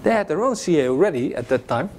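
His voice is a little high and slightly mellow, swinging widely in pitch as he talks fast. The young man is giving an informal security lecture with slides, joking and restarting amid many fillers, recorded by a distant camera in a projector-screen classroom with a bit of hiss or hum.

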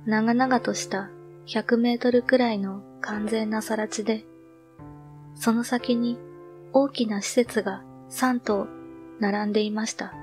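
A woman narrates a horror story in a calm, measured, hushed way. Her voice sits fairly high, and soft background music runs quietly beneath the reading.

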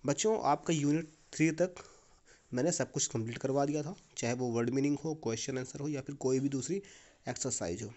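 A man's voice: medium pitch, a little fast, dark tone. A man with an Indian accent, a school English teacher, explaining a lesson patiently to his students and repeating key points. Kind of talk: classroom lesson video.

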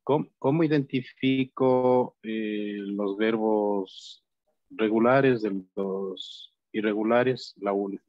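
A man's voice: on the low side, slow, dry recording. A male student asking hesitant questions in an online class, with many fillers. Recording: dull, dry call audio.

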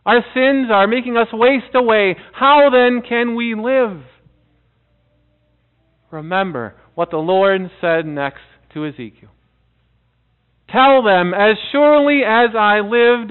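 A middle-aged male pastor preaching in a church sanctuary with a high, smooth voice. He speaks earnestly, pausing for effect and dropping to near-quiet on key words. The sound is thin and tinny, as if over a phone line. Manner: earnest preaching with dramatic pauses and soft drops. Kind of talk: sermon. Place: church sanctuary before a seated congregation.

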